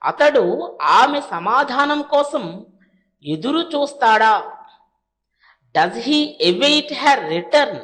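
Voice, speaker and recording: A woman with a Telugu accent teaching spoken English, reading each practice question very slowly and then translating it. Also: sits high, lively intonation, a bit bright. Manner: reads English sentences very slowly, then Telugu translations; brisk asides to "friends". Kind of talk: language lesson drilling sentences.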